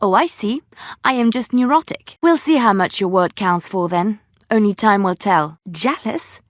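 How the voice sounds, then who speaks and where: A woman's voice: medium pitch, moderate pace, dry recording, natural voice. Leliana, an earnest woman bard, played by an actress, close and dry. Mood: jealous, defensive. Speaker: voice actor in a fantasy role-playing game. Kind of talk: dramatic video game dialogue.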